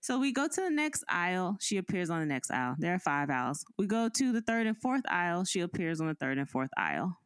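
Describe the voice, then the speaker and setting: A woman's voice: lowish voice, fairly quick, hardly any pauses, clean tone, no echo. A woman cohosting a podcast, telling a story in casual chat and acting out the people in it. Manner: animated, acts out the people in the story.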